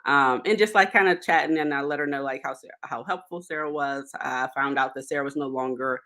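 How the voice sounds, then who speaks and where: A woman talks through her solo podcast in a loose, conversational way, full of fillers and little laughs. Her voice is bright and forward. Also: very deep voice, brisk. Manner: chatty, many fillers and laughs. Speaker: podcast host. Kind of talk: casual solo podcast talk.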